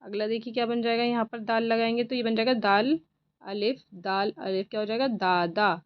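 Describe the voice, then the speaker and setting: A woman's voice: on the high side, steady tone, moderate pace, no room sound, dull audio. A woman teacher patiently going through an exam paper, asking questions and answering them herself. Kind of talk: exam paper walkthrough lesson.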